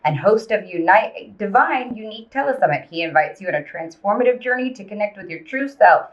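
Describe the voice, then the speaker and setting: A woman's voice: medium pitch, lively intonation, brisk. A woman co-host reading news segments and a guest introduction in an upbeat, chatty way. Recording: dull, lo-fi audio.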